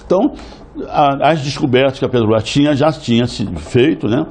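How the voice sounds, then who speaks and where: A man's voice: mid-range voice, brisk, a little mellow. A man answering interview questions as a company insider, hesitant, with many restarts and tag questions.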